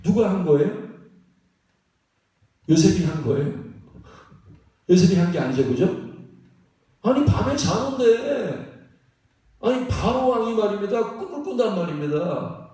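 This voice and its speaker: Male pastor preaching, mellow high voice, keeps asking the crowd questions, far-off mic in a very echoey church. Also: sing-song, a little slow, long pauses. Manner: rhetorical questions to the congregation; repeats phrases for emphasis. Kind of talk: sermon. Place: church sanctuary.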